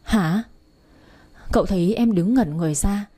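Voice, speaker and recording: A woman's voice: mid-range voice, lively intonation, fairly quick, dark tone, husky. A woman reading a first-person romance story aloud, chatty and speaking straight to her listeners. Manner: chatty, addresses listeners directly. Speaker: story narrator.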